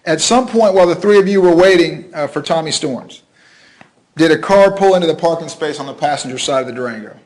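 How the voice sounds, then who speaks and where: A man's voice: fairly high pitch, a little fast, darkish tone, poor audio. A man questioning a witness as a prosecutor in a formal, methodical way, in a courtroom recording.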